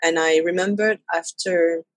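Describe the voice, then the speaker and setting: A woman's voice: lowish voice, fairly even intonation, unhurried, no room sound, poor audio. A woman in her thirties from France with a French accent, a photographer talking casually in an interview, laughing easily and using hesitant fillers. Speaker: guest photographer.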